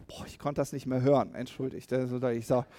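A man preaching a sermon as pastor to a congregation, animated and acting out scenes in voices, rallying the listeners with call and response. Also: medium pitch, fast, no room sound.

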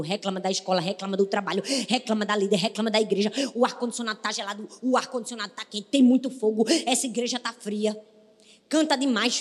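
A woman preacher with a Brazilian Portuguese accent gives an emphatic sermon, calling out to the congregation and swinging between hushed tones and shouting. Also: mid-range voice. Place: church hall. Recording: reverberant church hall.

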